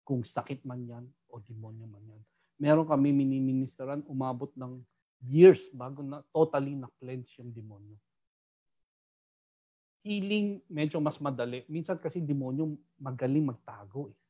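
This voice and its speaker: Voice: mid-range voice, normal speed, lo-fi sound. A Bible study teacher with a Filipino accent, mixing Tagalog and English and often asking "di ba?" to the group. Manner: animated, keeps asking "di ba?".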